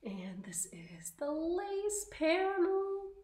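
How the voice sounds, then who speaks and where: Woman, podcast co-host, slow casual chat, echoey room. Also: extremely high pitch, big pitch swings, darkish tone. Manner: slow, chatty, many ums.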